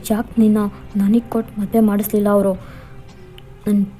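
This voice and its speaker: A woman's voice: mid-range voice, flat delivery, moderate pace, warm tone, soft background music, lightly acted. A woman voicing an insistent, pleading young man confessing love in a fan fiction voiceover. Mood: earnest pleading. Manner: insistent, coaxing.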